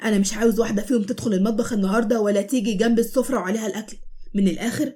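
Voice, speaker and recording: A woman's voice: medium pitch, fairly even intonation, rapid-fire, warm tone, lightly acted. A woman voicing a stern, commanding Egyptian police father in a cartoon story. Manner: commanding, blustering. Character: stern father, a police pasha who gives orders.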